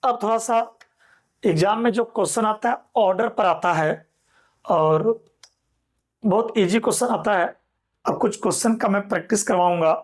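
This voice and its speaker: A man teaching a maths class, slowly dictating problems and patiently explaining solutions to students. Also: sits high. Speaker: mathematics teacher. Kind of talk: classroom lecture.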